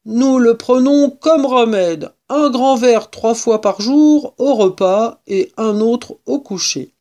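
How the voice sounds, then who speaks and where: Storybook badger, friendly and hearty, drawn-out exclamations a woman plays it. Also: fairly high pitch, darkish tone, voice pushed up. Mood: earnest.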